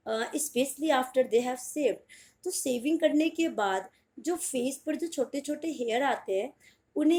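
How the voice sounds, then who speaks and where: Slow-spoken Indian woman teaching English. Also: high-pitched, a little mellow. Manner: explains slowly, spelling words out letter by letter and repeating them; checks understanding with "clear?". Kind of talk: Hindi-English pronunciation lesson.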